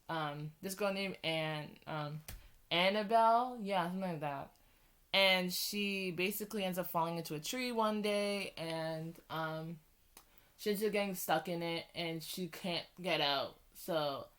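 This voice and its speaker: A woman with a fairly low voice talks through her movie picks in a casual vlog. She rambles, restarts her sentences and hurries to get through the list. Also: a bit bright. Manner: rambling with many fillers and restarts; hurried talking. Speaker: vlogger.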